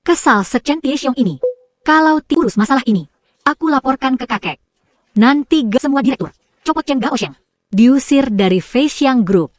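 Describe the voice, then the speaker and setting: A woman plays a spoiled young manager with a high voice that leaps all over, petulant and used to getting her way. The dry, close dub sound of a drama carries every demand straight to the ear. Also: expressive, moderate pace, dry recording. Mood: indignant. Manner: petulant and demanding, then coaxing. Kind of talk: dubbed drama dialogue.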